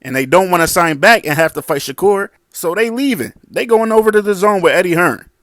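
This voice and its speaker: A man's voice: sits high, lively intonation, fairly quick, fairly bright tone, no room sound, studio quality. A man giving casual boxing commentary in a blunt, slangy, combative way.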